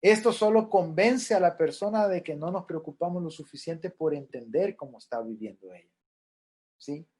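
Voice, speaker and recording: A man's voice: on the high side, moderate pace, a little mellow, slightly rough. A middle-aged man, a pastoral counselor, lecturing a class on grief in an earnest way, repeating key points and acting out what people say.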